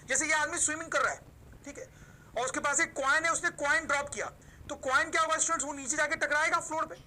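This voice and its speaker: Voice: sits high, bright, forceful tone, slight background noise, rough recording. A woman teacher from Pakistan giving a recorded video lecture, calling out to her students again and again and answering her own questions. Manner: explains slowly, poses questions and answers them herself; addresses the listeners as "students" almost every sentence.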